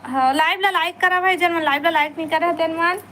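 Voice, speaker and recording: A high-pitched woman with a Chhattisgarhi accent talks casually on a phone live stream, pleading with viewers to stay a little longer. Faint background noise runs under her voice. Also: brisk, bright, forceful tone. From Chhattisgarh, India.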